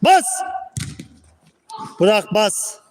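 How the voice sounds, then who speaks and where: A man coaching young football players from the sideline, calling out terse commands and quick praise. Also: high-pitched, very animated, a little hiss or hum. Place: outdoor football pitch.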